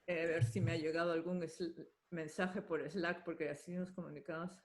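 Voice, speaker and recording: Over a video call's computer mic, a woman hosts an online meeting and moderates a panel, organizing as she goes and switching between two languages. Her voice is fairly low and a bit mellow, with little pitch movement and a quick pace.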